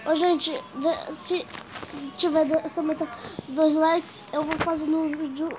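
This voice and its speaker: A woman's voice: sits high, little pitch movement, unhurried, background noise. A female host with a Brazilian Portuguese accent, giving dramatic, chatty gameplay commentary and talking straight to her viewers. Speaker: gaming channel host.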